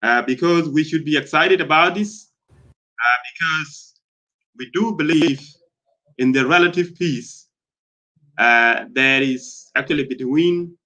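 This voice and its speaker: A man from South Sudan giving spoken commentary, speaking in a halting way with many fillers and repeated phrases. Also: on the high side, bright, forceful tone, low-quality recording.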